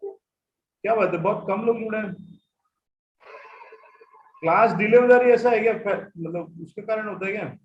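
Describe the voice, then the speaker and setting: High-voiced male teacher in an echoey room. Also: normal speed, pauses often. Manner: explains and repeats points, checks understanding. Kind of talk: online class lecture. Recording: echoey room, dull audio, faint noise.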